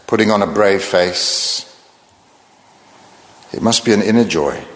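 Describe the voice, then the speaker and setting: A man preaching a sermon in a measured, earnest way, often asking rhetorical questions. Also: fairly low pitch, long reverb tail.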